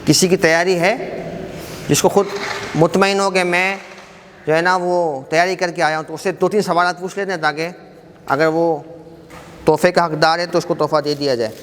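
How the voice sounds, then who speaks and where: A man teaching an Arabic class, briskly quizzing students and encouraging them not to be shy. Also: fairly high pitch, fairly even intonation, a bit bright. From Pakistan. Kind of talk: classroom quiz lesson. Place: mosque hall. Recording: echoey hall with background noise.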